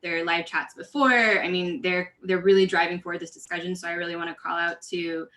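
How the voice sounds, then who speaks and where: A woman from California speaks on a webinar panel with a bright, forceful tone. Her delivery is earnest and conversational, full of fillers and self-corrections, set a little low in pitch. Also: steady tone, fairly quick. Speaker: diversity and inclusion coach, panelist.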